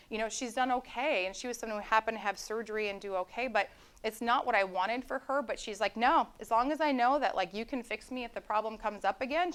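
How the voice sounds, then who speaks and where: Young woman physician, smooth voice, fast earnest storytelling. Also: medium pitch, a bit bright. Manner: earnest storytelling, acts out quoted remarks. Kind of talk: live-stream talk.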